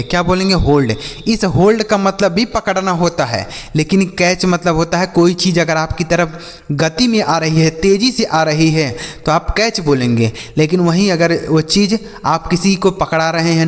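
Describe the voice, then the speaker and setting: A man teaching English vocabulary to children, spelling each word slowly and repeating it, asking and answering his own questions. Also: a little high. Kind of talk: spoken vocabulary lesson for children. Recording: long hall reverb.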